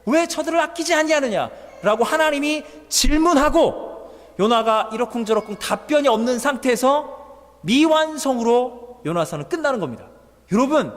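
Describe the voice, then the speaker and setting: Brief: a male pastor in a church sanctuary, storytelling sermon, lively pitch, long hall reverb. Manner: animated storytelling, asking the congregation questions.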